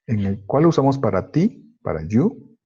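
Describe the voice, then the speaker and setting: A man whose first language is Spanish, teaching an English grammar lesson, slowly working through each example step by step. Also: medium pitch, big pitch swings, warm tone, breathy edge. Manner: slow, methodical, explains step by step. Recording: dull lo-fi recording.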